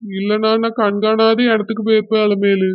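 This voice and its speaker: A woman's voice: medium pitch, flat delivery, moderate pace, smooth, no echo, highs cut off, natural voice. A woman playing a worried young husband. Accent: Kanyakumari Tamil. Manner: soothing, hesitant, repeats wife's name. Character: worried young husband, press shop owner.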